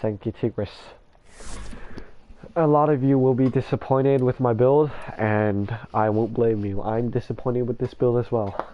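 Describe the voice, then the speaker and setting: A man's voice: medium pitch, muffled recording. A man casually commenting over a video game, rambling and self-deprecating as he talks to viewers. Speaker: gamer showing his builds.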